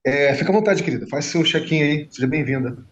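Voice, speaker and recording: A man's voice: on the high side, quick pace. A man hosting a casual online group session, asking short follow-up questions and welcoming a new participant.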